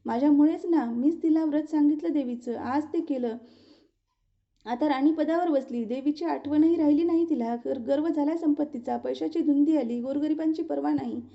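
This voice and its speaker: A woman's voice: high voice, moderate pace, creaky. A woman voicing an angry old beggar woman who is a goddess in disguise, in a bitter, scolding manner. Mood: indignant. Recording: dull lo-fi recording.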